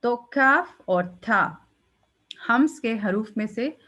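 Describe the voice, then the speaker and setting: A woman teaching Quranic recitation rules, explaining patiently and demonstrating each letter with a drawn-out, breathy release. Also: fairly high pitch, animated, pushed and bright, lo-fi sound. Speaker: tajweed teacher. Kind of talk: step-by-step recitation lesson.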